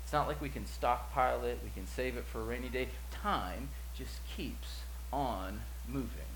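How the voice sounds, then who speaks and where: A man in his forties preaching a sermon, telling a story with acted-out quotes and swings from loud to hushed. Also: medium pitch, normal speed. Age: 40s. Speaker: pastor. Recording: echoey room with faint hum.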